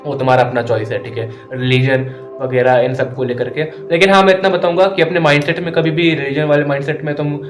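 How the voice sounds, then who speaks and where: A man's voice: fairly high pitch, steady tone, fast, music in the background. Tired earnest man in an echoey room. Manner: earnest, keeps checking in with listeners, mixes English into Hindi. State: tired and sleepless, tongue stumbling. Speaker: self-improvement vlogger. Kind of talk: casual motivational monologue.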